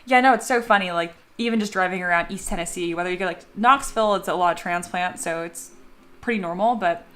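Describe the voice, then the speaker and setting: This young adult woman talks fast in a fairly low, fairly bright voice. She's sculpting at home in her studio during a live stream, chatting casually, laughing a lot, and reading out messages from viewers.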